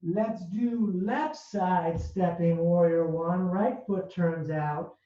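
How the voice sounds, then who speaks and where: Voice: medium pitch, dark tone. A yoga instructor leading a live class, calling out poses and breathing cues one step at a time, a little out of breath from talking through the flow. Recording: dull, roomy sound from far off.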